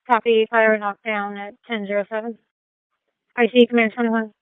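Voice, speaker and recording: A woman's voice: fairly high pitch, level tone, moderate pace, clean tone, no room sound, narrow, tinny audio. An American woman working as an emergency dispatcher, reading messages back procedurally in police-radio style over a radio transmission.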